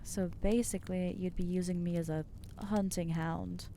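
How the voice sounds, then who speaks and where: A woman with a low, dark voice plays a young vampire girl full of anxiety and self-hatred in an ASMR audio roleplay, sounding close to her everyday voice. Her intonation stays fairly even and her pace moderate as she hesitates, belittles herself, and lets sentences trail away over slight background noise.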